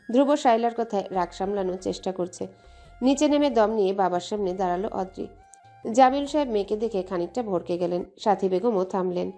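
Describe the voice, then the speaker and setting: A woman narrating an audio love story with steady, expressive storytelling. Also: mid-range voice, creaky. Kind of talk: scripted dramatic narration.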